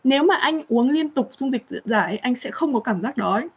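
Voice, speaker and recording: A young woman hosting a casual live chat, answering viewer questions in a chatty, animated way. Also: high voice, a little fast, breathy edge. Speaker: livestream host.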